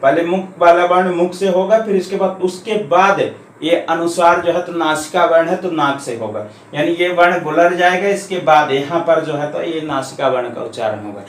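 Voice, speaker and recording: Key terms get repeated slowly as a slightly high-voiced man patiently walks through a grammar lesson point by point. A faint hum and noticeable echo come from the room he's recorded in.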